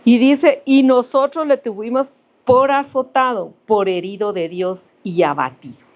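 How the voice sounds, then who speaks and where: Middle-aged woman preaching, animated testimony. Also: a little slow. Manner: animated storytelling, rises in pitch for emphasis. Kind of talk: sermon with personal testimony.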